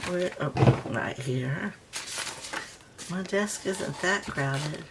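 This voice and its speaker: A woman's voice: fairly low pitch, extremely slow, very noisy. A woman vlogging casually from her home craft room, rambling and chatty as she works on a project. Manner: rambling, chatty, with many restarts. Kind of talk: casual crafting chat while working.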